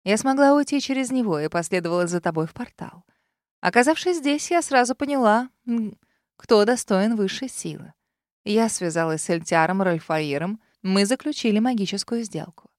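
A woman voicing a treacherous old grandmother witch in an audiobook, speaking in a soft, honeyed, condescending way. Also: medium pitch, lively intonation, moderate pace, dry recording, studio quality, close to an everyday voice. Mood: calm mocking. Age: older.

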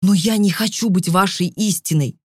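A woman's voice: normal speed, dry recording, clean studio sound, natural voice. A woman reading the lines of a frightened young heroine in an audiobook, her voice lifted in pleading and indignation. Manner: pleading and indignant, raised pitch.

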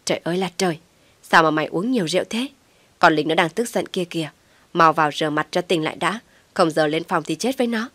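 A worried older mother in an audio story, voiced by a woman frets in a hurry. The voice is lowish and dry. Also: fairly bright tone, no room sound. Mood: anxious. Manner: fretful, hurried. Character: worried anxious old mother Khánh.

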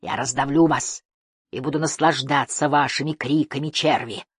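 A reader voicing a giant, cruel male toad monster who speaks quietly, slowly and hoarsely with a hiss. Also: medium pitch, fairly even intonation, no room sound, clean studio sound, natural voice. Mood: gloating. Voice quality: hoarse, hissing. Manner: quiet, slow and menacing.

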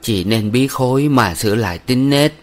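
Here a man performs a middle-aged village matron from a read-aloud novel, lecturing a young woman with a kind of sugary sternness and a moralizing edge. His animated, mid-range voice moves at normal speed, raised a bit above his own natural pitch yet still close to everyday speech.

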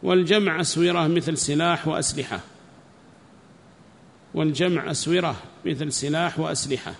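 A man teaching a religious text, reading each phrase and then repeating it slowly with explanations. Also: a little high, gravelly. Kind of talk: classical text lesson with commentary. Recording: long reverb.

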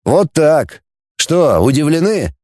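A man voicing a gruff, mocking male fleet commander who barks orders, in an audiobook. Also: fairly high pitch, big pitch swings, takes it slowly, darkish tone, no echo, clean studio sound, voice pushed up. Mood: commanding. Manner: barking orders, sneering.

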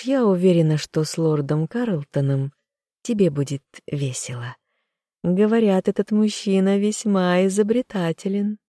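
A woman's voice: on the low side, warm tone, no room sound, clean studio sound, close to an everyday voice. Woman putting on a purring, smug noblewoman. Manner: purring, giggling, haughty. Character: purring, smug young noblewoman, treacherous friend.

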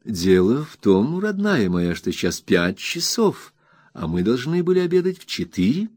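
A man reading the lines of a gentle, patient young husband in a storybook, speaking softly and earnestly. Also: mid-range voice, sing-song, normal speed, slightly rough, dry recording, clean studio sound. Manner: soft, earnest, pleading.

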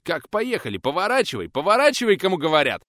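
A man voicing an older retired male schoolteacher, stubborn and quick to fly into a shouting rage. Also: big pitch swings, dry recording, studio quality. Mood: enraged. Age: 60s. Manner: shouting indignantly, high and strained.

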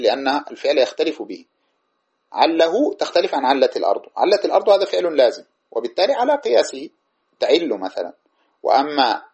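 Guy teaching old grammar text, husky voice, reads lines slow then explains. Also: a little high, a little mellow. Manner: reads verses slowly then explains in plain talk, checking understanding. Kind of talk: classical text lesson.

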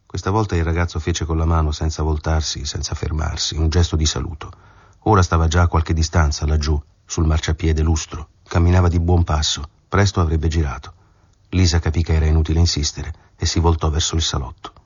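A male narrator reads a novel in a calm, measured way. His voice is very low and husky. The recording is dry and a little dull, with no room sound. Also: no echo. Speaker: audiobook narrator. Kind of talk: scripted literary narration.

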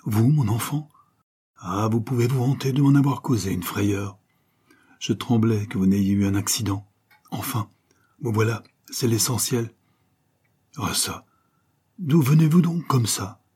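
A man reading an audiobook, voicing a voluble, kindly older woman who runs a boarding house, gushing and effusive with breathy asides. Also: medium pitch, a little slow, long pauses, a little mellow. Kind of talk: audiobook character voice.

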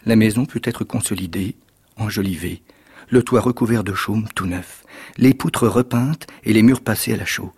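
A man, an actor, reading a fairy tale aloud in measured, expressive storytelling narration. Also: lowish voice, creaky, slightly rough.

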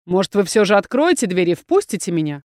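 A woman's voice: mid-range voice, very animated, brisk, a little mellow, dry recording, natural voice. A woman voicing an arrogant male inquisitor lord who talks in a mocking, insolent, pushy way, recorded dry.

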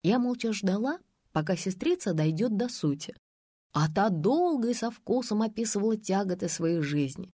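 Expressive woman audiobook narrator. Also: mid-range voice, normal speed, breathy edge, dry recording, clean studio sound. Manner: lively, expressive first-person reading. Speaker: audiobook reader.

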